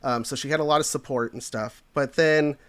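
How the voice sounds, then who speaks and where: A man's voice: mid-range voice, steady tone, fairly quick, fairly bright tone. Man, late 30s, podcast guest; casual, meandering storyteller, lots of fillers. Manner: rambling, filler-heavy storytelling.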